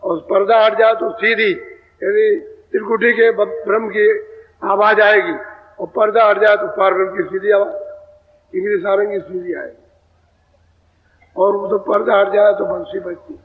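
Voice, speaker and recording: A man giving a devotional sermon, explaining verses slowly and repeating phrases as he teaches. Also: high-pitched, little pitch movement. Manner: slow, repetitive expository preaching, prompting chanters. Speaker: spiritual teacher giving satsang. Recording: echoey hall over a tinny lo-fi line.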